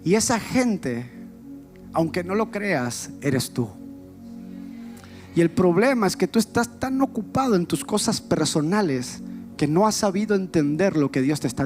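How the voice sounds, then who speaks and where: A man's voice: high-pitched, a little mellow. A man preaching a sermon in a passionate, direct way, speaking straight to the listener. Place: church. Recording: with background music. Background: music.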